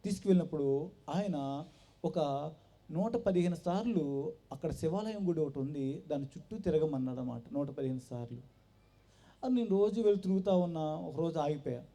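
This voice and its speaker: A man shares his personal testimony with a congregation, telling his story in an animated way and slipping into the voices of the people he quotes. His voice is deep-toned and mellow in colour, yet sits somewhat high in pitch. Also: a little fast, pauses often. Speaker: testimony speaker at a church gathering.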